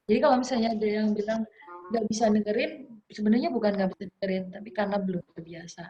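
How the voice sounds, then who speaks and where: A woman's voice: mid-range voice, fast, dark tone, lo-fi sound. A young woman teacher gives an informal class lecture, talking in a chatty, encouraging way with many fillers and restarts. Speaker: English teacher.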